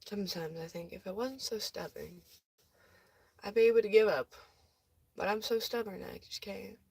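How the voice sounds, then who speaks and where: A woman's voice: mid-range voice, moderate pace, gravelly, darkish tone, a little hiss or hum. A young woman chatting casually with viewers on a livestream, tired and rambling, with a close phone mic.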